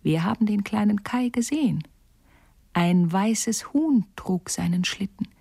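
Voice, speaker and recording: A woman voicing a pair of cooing wood pigeons in a storybook reading, in a hushed, breathy way. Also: on the low side, expressive, takes it slowly, no echo, clean studio sound, full character voice.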